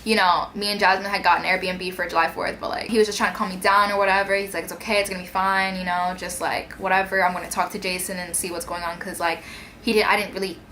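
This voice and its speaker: A woman's voice: fairly low pitch, flat delivery, fast talker, sharp tone, slight background noise. A young woman telling a story on her vlog in a casual way, saying "like" a lot and reading out text messages. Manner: heavy use of "like", reads out text messages. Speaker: YouTuber.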